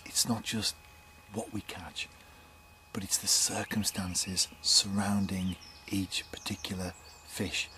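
Male angler vlogger, 40s, upbeat and hushed by turns, close camera mic outside, faint background noise. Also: deep voice. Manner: upbeat, chatty, often hushed to a near whisper. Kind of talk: casual outdoor vlog commentary. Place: canal bank outdoors at night and dawn. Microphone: camera mic at close range.

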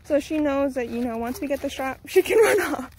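A young mother vlogs outdoors under a tree in a garden, giving tips in a chatty, slightly flustered way and sounding a bit out of breath. Her animated, slightly mellow voice is brisk, turning high and sing-song when she coaxes her toddler. There's a little hiss or hum.

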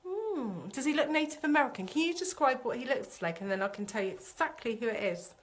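A woman working as a psychic medium, giving a chatty, excitable spirit reading on a live stream and calling her viewers sweetie. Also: on the high side, fast talker.

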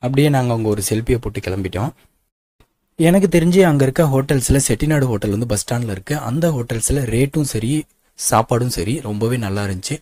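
A man from Tamil Nadu talks through a travel guide at a quick clip. His voice is dark and mellow, and his practical, matter-of-fact manner speaks straight to the viewer. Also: medium pitch, no echo. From Tamil Nadu, India. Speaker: travel vlogger.

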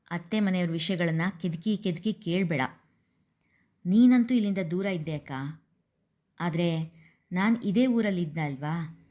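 A woman's voice: medium pitch, a little mellow, lightly acted. Woman voicing a middle-aged sister, teasing, sensible, reasoning, storybook.

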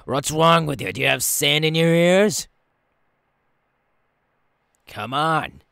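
ASMR role-play: cruel, theatrical pirate clown captain. Lowish, gravelly, menacing drawl, recorded close and dry. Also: male voice, sing-song, takes it slowly, no room sound, heavily acted. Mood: impatient, threatening. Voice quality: raspy, gravelly. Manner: theatrical, drawling, swinging between hushed threats and barks.

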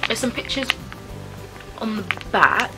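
A woman's voice: fairly high pitch, a little slow, over loud music, poor audio. A British woman in her twenties giving casual, chatty taste-test commentary, thinking aloud with some hesitation. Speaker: vlogger reviewing snacks. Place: small bedroom, indoors.

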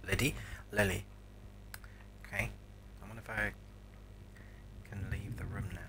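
A man's voice: on the low side, fairly even intonation, a little slow, background noise. A man in his thirties giving casual gameplay commentary, reacting in wry mutters as a streamer. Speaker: game streamer. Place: small room, indoors. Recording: faint game ambience behind voice.

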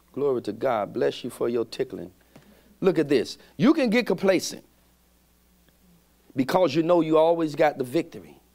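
Lively preaching man in a church. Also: a little high, vocal fry. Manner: call-and-response preaching, drawn-out emphatic phrases. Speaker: pastor. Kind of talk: sermon. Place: church sanctuary with congregation.

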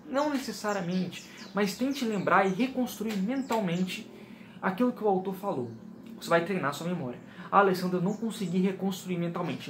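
A man's voice: sits high, a bit bright, roomy sound, slight background noise. A man with a Brazilian accent hosting a channel, explaining his reading method in a casual, instructive way and checking in with viewers. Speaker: channel host giving reading tips.

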